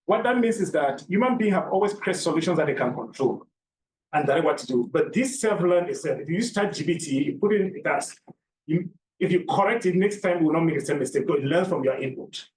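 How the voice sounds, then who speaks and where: Speaking a little fast in a slightly high, animated, somewhat mellow voice, a Cameroonian man presents a seminar lecture as an academic. He explains by repeating key points and posing rhetorical questions. The lecture room recording is roomy and distant, with faint background noise.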